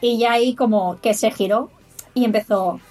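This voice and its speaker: Woman telling a lively anecdote. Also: fairly high pitch, moderate pace, soft background music. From Spain. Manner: animated, quotes people in put-on voices. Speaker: podcast co-host. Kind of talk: casual anecdote storytelling.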